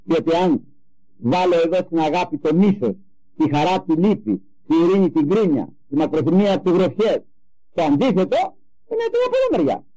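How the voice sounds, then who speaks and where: An older man giving a religious talk, telling personal stories with animated emphasis. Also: a little high, low-quality recording. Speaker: religious speaker. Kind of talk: sermon with personal anecdotes.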